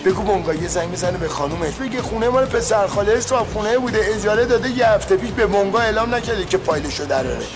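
A pushy gym regular who talks down to his friends. His voice sits fairly high, and clear music runs under this film scene. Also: few pauses. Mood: bossy. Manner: bossy, know-it-all advice. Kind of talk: film drama acting.

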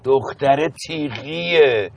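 A gravelly streetwise tough. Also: male voice, mid-range voice. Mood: rough. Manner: rough, street slang. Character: rough streetwise man watching from a car. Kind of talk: comedy film acting. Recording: noisy film audio.

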